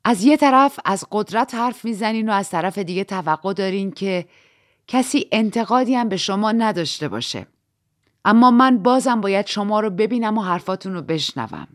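A woman's voice: medium pitch, lively intonation, no room sound, studio quality, close to an everyday voice. A woman voicing a frank, easygoing nobleman husband in a plain tone.

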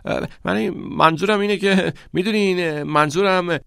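A man's voice: on the low side, very animated, dry recording, clean studio sound. A man voicing a flustered teenage schoolboy who stammers and trips over his words in a storybook reading.

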